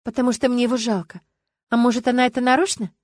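A woman's voice: fairly high pitch, flat delivery, quick pace, a little mellow, dry recording, voice pushed up, close to an everyday voice. A woman reading an audiobook and voicing an earnest, stubborn young heroine who speaks in a pleading way.

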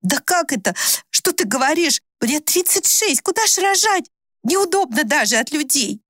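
A woman's voice: sits high, big pitch swings, moderate pace, a bit bright, dry recording, clean studio sound, pitched above the performer's own voice. A woman voicing a timid, tearful wife in her thirties who pleads meekly. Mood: shocked. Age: 30s. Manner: pleading, meek.

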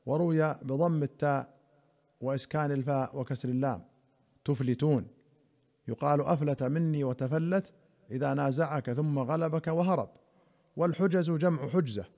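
A man with a slightly raised pitch reads and explains classical religious texts in a careful, deliberate manner, slowing down on key words. The recording sounds muffled and lo-fi, like an old radio broadcast. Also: a little mellow. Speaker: radio presenter and religious scholar.

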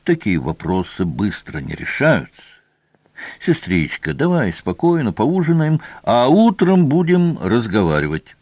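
A man's voice: mid-range voice, wildly swooping pitch, measured pace, darkish tone, dry recording. A man voicing a scheming male commander who talks in a jovial, conciliatory way, in a dry, slightly dull audiobook recording. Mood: genial. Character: scheming adult male commander, genial host.

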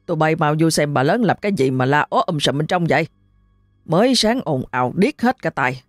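A woman voicing a gruff, scheming older husband who grumbles and talks fast. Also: low-pitched, animated, a little mellow, no echo, clean studio sound, soft background music. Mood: irritated. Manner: irritable, grumbling.

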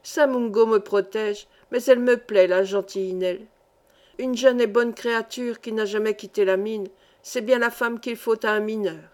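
A cheerful, bantering young miner, joking with his friend, read by a woman in an audiobook. The voice sits fairly high and stays close to the reader's own. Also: fairly even intonation, normal speed, lightly acted. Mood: teasing. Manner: bantering, laughing. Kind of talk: audiobook dialogue reading.

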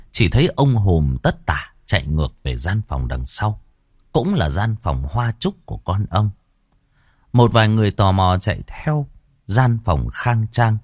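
Brief: deep-voiced man reading a horror tale with lively, swinging delivery. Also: no room sound, studio quality. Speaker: storyteller. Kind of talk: scripted horror story narration.

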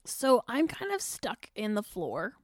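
A woman's voice: fairly high pitch, wildly swooping pitch, measured pace. A woman playing a tabletop role-playing game casually, with a playful, self-deprecating manner. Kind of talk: casual improvised tabletop play.

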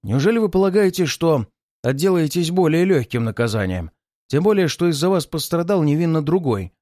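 A man reading aloud and voicing a stern middle-aged police inspector who speaks in brisk, pointed questions. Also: fairly high pitch, sing-song, dark tone, no room sound, clean studio sound. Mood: indignant.

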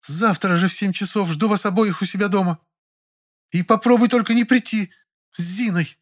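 A man's voice: high-pitched, a little fast, pitched above the performer's own voice, lightly acted. A man playing a stern, overbearing middle-aged mother. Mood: indignant. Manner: strict, categorical, interrogating.

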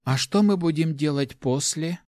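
Guy doing a soft dreamy young woman, gentle, dry close sound. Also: fairly high pitch, normal speed, no echo, voice pushed up, close to an everyday voice. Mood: wistful.

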